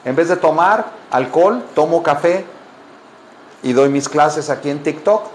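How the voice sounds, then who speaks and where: A man whose first language is Spanish, giving a casual online English lesson and repeating phrases slowly for learners. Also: on the high side, animated, a little hiss or hum. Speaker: English teacher.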